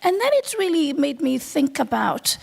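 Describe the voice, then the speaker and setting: A woman from Kenya speaking on a conference panel, earnest and personal, pausing often with "um". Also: high voice, very animated, gravelly, darkish tone. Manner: earnest, personal, with frequent "um" pauses.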